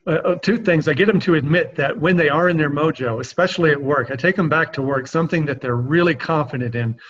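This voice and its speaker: An earnest, animated man coaching men in a relaxed podcast chat. His voice sits a little high for a man, and the recording sounds dull and lo-fi. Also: quick pace. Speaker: men's coach. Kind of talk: casual podcast conversation.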